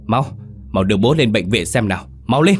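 A man voicing a frantic young man who shouts and wails for his dying father in a spoken horror story. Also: on the low side, lively intonation, brisk, soft background music, lightly acted. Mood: shouting. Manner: panicked, shouting, wailing.

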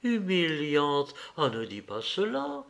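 A man's voice: a little high, huge pitch swings, slow, gravelly, fairly bright tone, full character voice. A man reading the part of an anguished, proud woman torn by love, his voice trembling and pleading.

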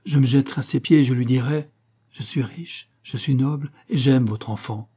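Man as vehement young count, dark-toned, husky. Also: mid-range voice, moderate pace, natural voice. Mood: ardent. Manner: ardent, vehement. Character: passionate young nobleman, hot-tempered count.

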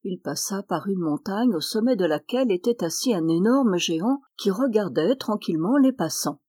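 A woman reading a fairy tale aloud as storyteller, in a steady, measured way. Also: mid-range voice, dry recording, studio quality.

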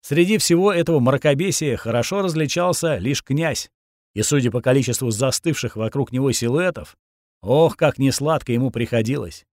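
A man narrating a first-person action audiobook in a steady, grim storytelling voice, recorded on a close studio mic. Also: medium pitch, moderate pace, dry recording.

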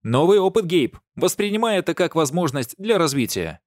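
A man voicing a cheeky young male gardener who teases his friend loudly, in an audiobook. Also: medium pitch, lively intonation, moderate pace, no room sound, clean studio sound, voice pushed up, natural voice. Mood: teasing. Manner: jeering, loud, teasing.

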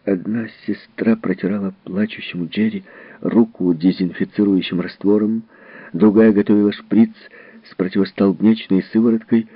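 A man reading a story aloud as audiobook narrator, in a measured, expressive way. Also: on the low side, breathy edge, no echo. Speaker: audiobook reader. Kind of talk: scripted narration. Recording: dull, dry audiobook recording.

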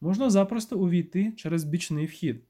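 A male reader voicing a brisk, urgent young woman who heads a lab, speaking in clipped lines in an audiobook. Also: high voice, dark tone.

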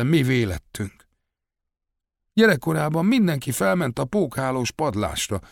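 A male narrator voicing an older village woman, recalling wartime losses in a mournful, measured way. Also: mid-range voice, vocal fry, dry recording, clean studio sound, pitched above the performer's own voice.

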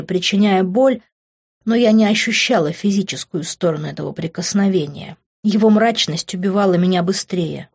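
A woman narrating a first-person audiobook in a steady, emotionally shaded reading. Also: mid-range voice. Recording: slightly dull lo-fi audio.

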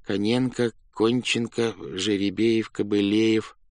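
A man's voice: on the low side, steady tone, takes it slowly, a little mellow, dry recording. A man voicing a flustered, forgetful estate clerk who mutters names aloud in a storybook reading. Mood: muttering.

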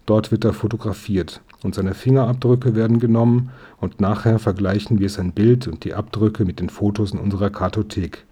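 A man voicing a kindly, friendly police inspector in a storybook reading, with a dark, husky tone. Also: lowish voice, fairly even intonation, normal speed, few pauses.

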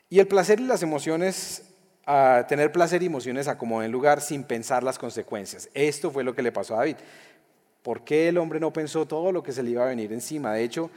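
A young man, preaching a lively, conversational sermon with jokes and acted-out quotes. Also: mid-range voice. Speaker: pastor. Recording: long reverb of a large hall.

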